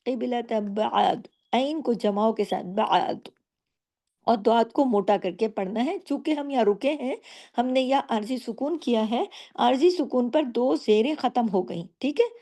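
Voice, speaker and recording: A woman's voice: a little high, expressive, normal speed, mellow. A woman teaching Quran recitation rules in a patient, step-by-step lesson, often answering her own questions. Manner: patient, explains each rule and asks rhetorical questions. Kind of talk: slow step-by-step tajweed lesson.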